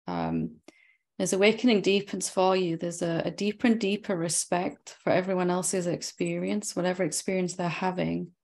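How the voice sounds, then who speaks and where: A woman spiritual teacher in a satsang dialogue, reflective and gently probing, often closing her points with tag questions. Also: lowish voice, lively intonation, moderate pace, creaky.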